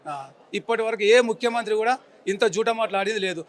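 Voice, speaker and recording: Quick and high-sitting, this man's voice carries a furious, emphatic rant during a street interview where he keeps repeating insults. He's a member of the public in his forties with a Telangana Telugu accent.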